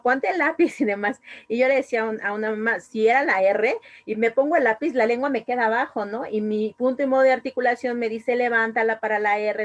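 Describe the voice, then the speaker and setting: A woman's voice: medium pitch, dull audio. A woman with a Mexican accent, a speech therapist giving a long, rambling comment on an online panel, full of fillers and restarts. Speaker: speech therapist, audience participant. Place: video call.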